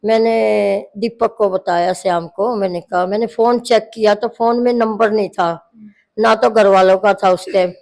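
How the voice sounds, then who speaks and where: A woman's voice: mid-range voice, fairly even intonation, measured pace, gravelly, a little mellow, poor audio. A middle-aged woman, the mother-in-law in the story, recounting a family quarrel to a reporter, narrating at length and quoting what each person said. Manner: long narration full of quoted dialogue.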